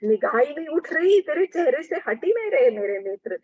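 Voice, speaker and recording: A woman voicing a gentle young princess who speaks softly and adoringly. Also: high-pitched, very animated, fairly quick, pitched above the performer's own voice. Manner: soft, adoring. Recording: dull lo-fi recording.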